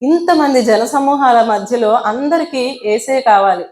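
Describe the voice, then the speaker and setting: A woman's voice: fairly high pitch, unhurried, darkish tone. A woman evangelist preaching a sermon, asking her listeners many rhetorical questions and acting out the voices in her story. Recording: roomy echo.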